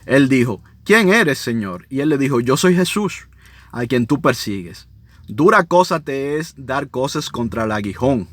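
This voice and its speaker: A man's voice: mid-range voice, a bit bright, no echo. Male Bible teacher, mid-range voice, reads scripture and explains it conversationally, prompts listeners often; dry close recording. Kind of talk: Bible study teaching, reading scripture with commentary.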